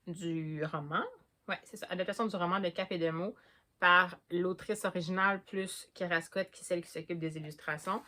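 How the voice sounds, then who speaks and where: A woman's voice: lowish voice, a bit bright, slight background noise. A woman with a Québécois French accent chatting casually about books as a vlogger, hesitating often and restarting her sentences. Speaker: book vlogger.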